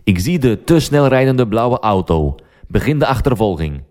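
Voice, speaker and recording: A man's voice: mid-range voice, very animated, moderate pace, a little mellow, close to an everyday voice. A man voicing a stern, wry police sergeant in a language-learning story, speaking firmly and dryly.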